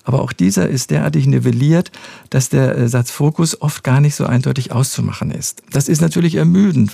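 A male professor with a heavily gravelly, creaky voice explains things in a measured, precise way. His tone is dark and mellow, and the recording is dry and close. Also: mid-range voice, no room sound. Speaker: speech scientist, professor. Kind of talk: expert interview answers.

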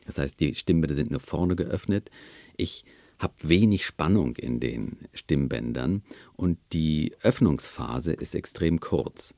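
A man who researches voice and speech, calmly explaining vocal techniques. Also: rumbling low, slow, dry recording. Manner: calm, explanatory, demonstrates voice techniques. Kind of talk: explaining with live vocal demonstrations.

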